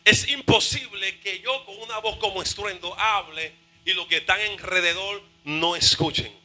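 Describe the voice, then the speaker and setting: A male pastor preaching a fervent sermon, shouting and half-singing his phrases. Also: high voice, moderate pace, rough recording.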